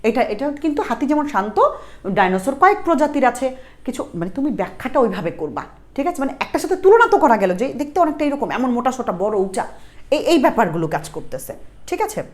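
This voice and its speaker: Young woman, English exam-prep teacher, patient slow reading, quick asides, rising check-in questions. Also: a little high, sing-song, darkish tone. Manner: explains slowly, then rapid asides, asks "ঠিক আছে?" with a rising tone. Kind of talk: online exam-prep lesson.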